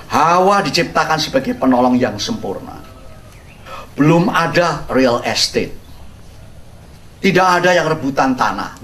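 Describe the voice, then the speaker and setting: An older man, a pastor, giving an expository sermon as a humorous, animated storyteller who sprinkles in English words. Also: mid-range voice, recorded from a distance, slight background noise.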